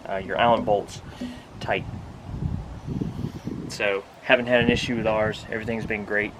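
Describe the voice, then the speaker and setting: A man's voice: on the low side, little pitch movement, moderate pace, background noise. A man giving a casual, plain-spoken walkthrough to camera, explaining equipment in an informal, instructive way. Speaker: RV vlogger giving a product walkthrough. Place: outdoors beside a pickup truck bed.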